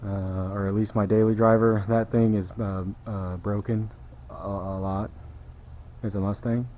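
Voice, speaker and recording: Middle-aged man, lower voice, slightly winded, self-deprecating shop talk, faint background hum. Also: level tone, unhurried, muffled recording. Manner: chatty, self-deprecating, jokey asides to viewers. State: out of breath from work. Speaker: car detailer. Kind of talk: casual how-to narration while working. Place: auto detailing shop.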